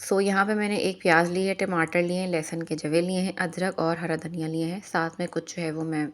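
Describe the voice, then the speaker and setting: A woman's voice: fairly low pitch, level tone, a little fast. A woman, chatting in a voice-over about her home chores and giving friendly advice, with English phrases mixed in. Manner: chatty, advising, mixes English phrases into Hindi. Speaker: homemaker vlogger.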